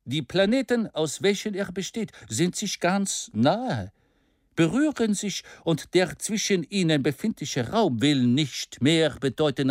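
A man's voice: on the high side, a little mellow, no room sound, studio quality, voice pushed up. A man reading aloud and voicing a bold, fiery male orator who speaks in a rousing, declamatory way.

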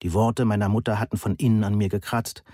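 A man reading a first-person story aloud in a measured, deadpan manner, close to the mic. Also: on the low side, no room sound. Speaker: audiobook narrator. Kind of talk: first-person scripted narration.

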